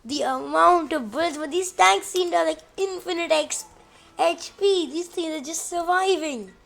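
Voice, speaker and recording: A woman giving excitable gameplay commentary on a battle simulation, rambling, easily amused and counting units aloud. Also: very high-pitched, normal speed, vocal fry.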